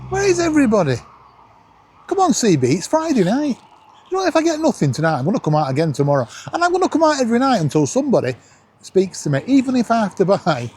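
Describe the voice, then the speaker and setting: This male vlogger with a Northern English accent is strolling along a seafront promenade at night, filming with a camera around his neck. His tone is slightly rough and husky, his intonation highly animated, and his casual chat is cheeky, jokey, and self-mocking.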